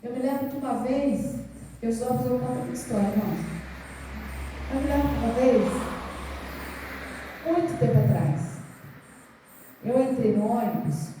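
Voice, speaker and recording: A woman's voice: on the high side, noisy background. A woman preaching a sermon, telling a personal testimony in an earnest storytelling manner and repeating her phrases. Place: large echoing church hall. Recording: echoey church from far off.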